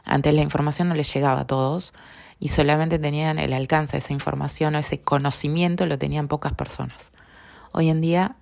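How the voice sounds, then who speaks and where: A woman with a Rioplatense accent talks through a reflective podcast monologue in a low voice with a gravelly, fry-edged texture. She stays calm and unhurried and keeps asking the listener whether they follow. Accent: Rioplatense Spanish. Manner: calm, unhurried, often seeks agreement with tag questions. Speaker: podcast host.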